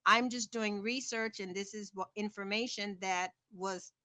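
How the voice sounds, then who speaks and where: A woman's voice: medium pitch, fairly even intonation, normal speed, pushed and bright, no echo. A woman calling in to an informal panel, asking questions and insistently repeating her points. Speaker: panel caller.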